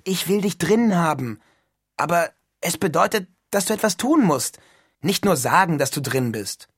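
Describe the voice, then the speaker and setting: An excitable teenage boy bursting with plans, as a male audiobook reader puts him on, loud, emphatic and pitched high above the narration. The voice is husky and close, with a dry studio sound. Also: moderate pace, no echo. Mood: insistent. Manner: loud and emphatic, swept up in enthusiasm. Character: eager excited teenage boy, impulsive dreamer. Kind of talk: audiobook reading.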